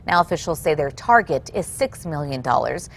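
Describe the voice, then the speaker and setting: A woman's voice: low voice, expressive, normal speed, vocal fry. Woman news anchor, noisy background. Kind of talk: scripted TV news reading.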